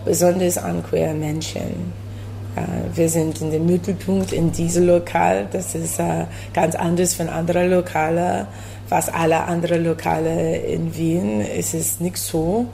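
A woman from the United States with an American accent, a café owner answering interview questions in halting German full of fillers. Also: fairly low pitch, level tone, vocal fry, mellow, a little hiss or hum. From USA. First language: English. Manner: halting, searching for words, many fillers.

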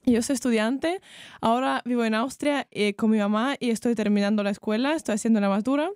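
A woman's voice: a little high, fairly quick, darkish tone, clean tone, dry recording, studio quality. A young woman from Ukraine, speaking carefully as a talk show guest. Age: young adult. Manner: careful, self-correcting.

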